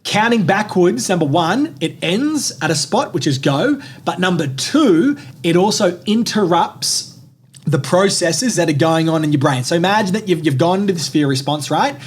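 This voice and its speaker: An energetic young man with a fairly high voice speaks emphatically on a motivational podcast. He swears casually as he talks. Faint noise hums behind him. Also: normal speed. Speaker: podcast co-host.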